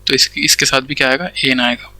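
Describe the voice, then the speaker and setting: Male grammar teacher with an Indian accent, bright and dry, walks through rules step by step. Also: mid-range voice, steady tone, brisk, no room sound, low-quality recording. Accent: Indian English. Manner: explains step by step, asks questions and answers them himself, says "theek hai" often. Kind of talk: Hindi-English classroom lecture.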